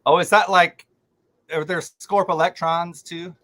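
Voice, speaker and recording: A man's voice: high-pitched, fairly even intonation, unhurried, fairly bright tone. A man co-hosting a live stream in casual chat, playful and cheering along. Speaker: livestream co-host.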